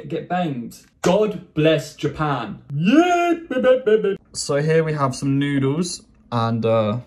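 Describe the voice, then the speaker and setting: Excitable young man, echoey room. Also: a little high, a little hiss or hum. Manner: excitable, joking, swears and exclaims. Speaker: vlogger. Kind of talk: casual candy-tasting vlog. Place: his bedroom.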